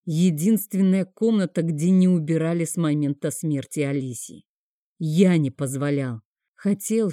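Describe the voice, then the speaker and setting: A woman's voice: low-pitched, warm tone, no room sound, studio quality. A woman reading a novel aloud in first person. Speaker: audiobook reader.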